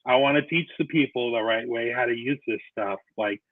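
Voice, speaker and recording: A podcast host with a mid-range voice talks fairly quickly in a casual chat, rambling and restarting as he explains things. There's no room sound, just a dry, tinny phone-line quality.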